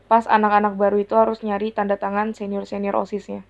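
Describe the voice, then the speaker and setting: A young adult woman, telling a personal story in a slangy, exasperated, animated way. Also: mid-range voice, fast, vocal fry. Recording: dull lo-fi sound.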